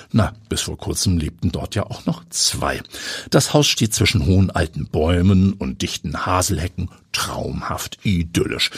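Husky, breathy male audiobook narrator. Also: deep voice, dry recording, clean studio sound. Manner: suspenseful, sometimes dropping to a whisper. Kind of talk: scripted narration.

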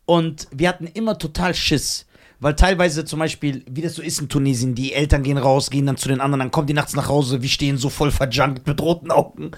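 A man's voice: a little high, fast talker. A young man on a podcast, telling stories animatedly and acting out the voices of the people in them. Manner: animated storyteller acting out scenes. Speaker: podcast co-host. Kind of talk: casual chat.

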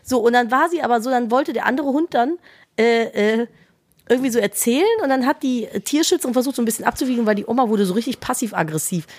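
Animated woman telling a story. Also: on the high side, fast. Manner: animated, acts out quoted voices, laughs often. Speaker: podcast co-host. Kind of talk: casual storytelling chat.

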